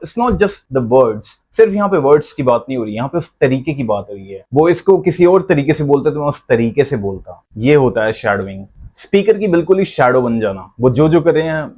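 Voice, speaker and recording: A man's voice: mid-range voice, a little mellow. A man explaining a language-learning method step by step in Hindi mixed with English words. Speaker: English teacher. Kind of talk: spoken lesson.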